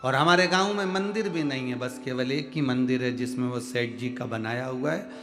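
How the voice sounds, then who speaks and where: With music playing in the background, a middle-aged man with a mid-range voice preaches a devotional sermon to a large crowd at normal speed. He is emphatic and calls out to the audience for responses.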